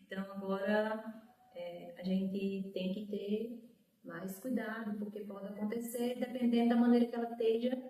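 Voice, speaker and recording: Faint music plays behind a woman as she gives an emotional personal testimony as a guest, in a warm, level voice at a moderate pace. She acts out the other voices in her story, her pitch rising on quoted speech. The room echoes and the mic is at a distance.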